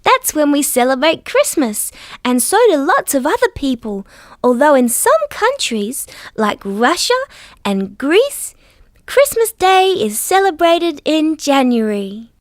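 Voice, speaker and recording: A woman with an Australian accent voicing a friendly, gentle dinosaur who sweetly and patiently tells stories to small children in a children's show. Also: sits high, sing-song, a little slow, no room sound, studio quality. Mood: gentle, cheerful. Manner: sweet, patient, carefully enunciated. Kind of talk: scripted storytelling for small children.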